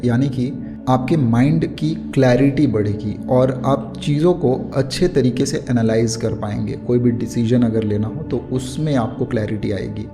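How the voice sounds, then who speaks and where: A man with an Indian accent giving an explanatory meditation lesson in a soothing, unhurried yoga-teacher manner. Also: medium pitch. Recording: clear music bed under the voice. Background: music.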